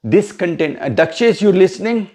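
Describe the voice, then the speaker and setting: A man's voice: sits high, big pitch swings, moderate pace, darkish tone. A man teaching a hosting practice class step by step, often checking whether his listeners follow. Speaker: MC trainer. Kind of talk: instructional coaching session.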